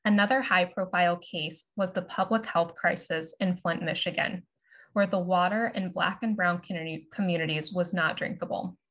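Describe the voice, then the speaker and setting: A woman moderating a virtual panel, reading a prepared introduction aloud in a measured, formal way over a video call. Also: lowish voice, steady tone, a bit bright. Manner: measured, formal presentation of a written script. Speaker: moderator and curatorial assistant. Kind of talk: prepared talk read aloud.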